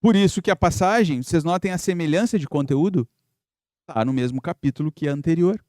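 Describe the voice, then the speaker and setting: A man delivers an earnest spiritist lecture, voice pitched a little high. He keeps posing rhetorical questions, thoughtful and steady. The sound is dry and close, with little room around it. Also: brisk, no echo. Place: spiritist center lecture hall.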